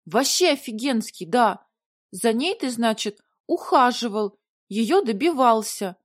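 A woman voicing a flustered young heroine in an audiobook, chattering in a high, squeaky, whiny voice. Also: lively intonation, measured pace, no room sound, studio quality. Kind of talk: audiobook character voice.

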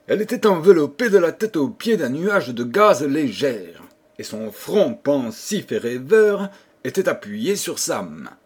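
Expressive, husky male storyteller. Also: a little high, a little slow. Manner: expressive, addressing listeners as children. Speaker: audiobook reader. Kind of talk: storybook narration for children.

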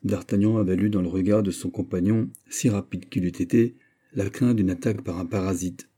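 A man reading a classic novel aloud, narrating and acting out the dialogue with lively shifts in voice. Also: brisk, slightly rough. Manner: lively, voices characters with raised pitch. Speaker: audiobook reader. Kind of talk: scripted narration with acted dialogue.

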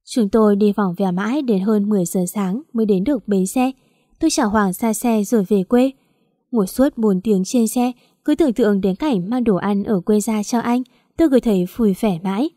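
A young woman, calmly narrating a first-person story as an audiobook reader. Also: mid-range voice, normal speed, dry recording, clean studio sound.

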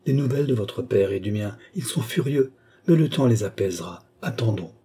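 A man's voice: fairly low pitch, expressive, fairly quick, dark tone, breathy edge. A man voicing a cold, mocking young nobleman in an audiobook, speaking in a cool, offhand way.

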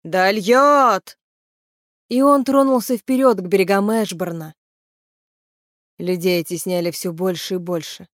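A woman's voice: fairly low pitch, moderate pace, no echo. Woman reading a fantasy novel, dry close sound. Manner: even, steady storytelling. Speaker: audiobook reader. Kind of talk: scripted narration of a fantasy novel.

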